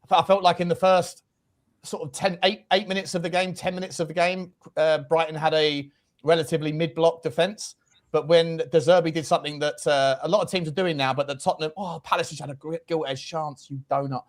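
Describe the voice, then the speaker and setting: A man hosting a casual football chat over a video call, chatty and quick to laugh. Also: on the high side, steady tone. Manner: chatty, laughs easily, lots of fillers. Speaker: podcast host.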